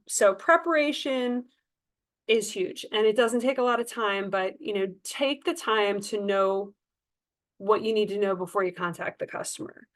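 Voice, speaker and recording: This woman trains salespeople, sharing tips with staff in a casual, emphatic, conversational way and role-playing example dialogue. Her voice is mid-range and a bit bright.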